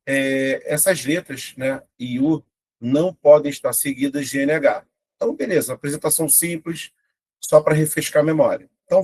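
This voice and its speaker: A man's voice: fairly high pitch, slightly rough. A young adult man with a Brazilian Portuguese accent, teaching an online exam-prep grammar lesson and talking straight to his students. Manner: lively, talks to students directly with frequent "né?".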